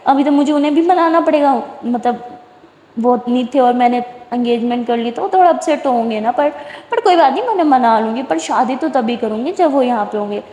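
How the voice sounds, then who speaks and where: Lady voicing a calm teasing girlfriend, soft mellow voice, roomy echo. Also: high voice, lightly acted. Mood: soothing, teasing. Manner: soothing, teasing. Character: affectionate young woman, calm and teasing. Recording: echoey room with long reverb.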